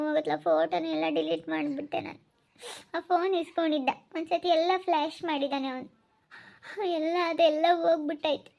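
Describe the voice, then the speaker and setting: A woman's voice: high-pitched, creaky, a little mellow. A woman playing a young village woman who rambles wistfully about a man she was fooled by.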